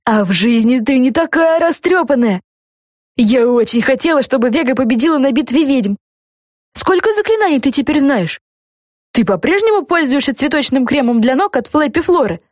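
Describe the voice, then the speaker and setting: A woman narrator voicing an excitable young girl fan who gushes and chatters. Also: high voice, moderate pace, dry recording, studio quality, voice pushed up. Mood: eager. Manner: gushing, chattering.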